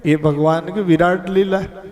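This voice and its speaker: Man doing mischievous child god, teasing, high voice, slow delivery, devotional storytelling. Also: steady tone, a little mellow. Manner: teasing, innocent denials.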